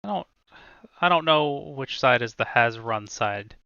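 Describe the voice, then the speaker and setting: Bright, crisp man on a slightly dull lo-fi mic, easygoing player asking wry questions. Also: mid-range voice, expressive, a little slow, dry recording. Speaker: board game player. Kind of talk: casual chat over a board game.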